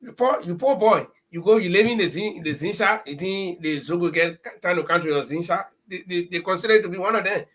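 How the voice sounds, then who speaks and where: A man's voice: high voice, brisk, few pauses, fairly bright tone. A middle-aged man in a casual discussion, speaking with emphatic, preachy warnings.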